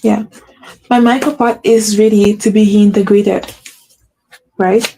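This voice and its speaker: A spiritual coach with a dark, medium-pitched voice and a steady tone hosts a solo motivational podcast at a measured pace. Earnest and repetitive, she keeps checking in with "right?", corrects herself, and mentions a slight stutter. There's slight background noise on a low-quality recording.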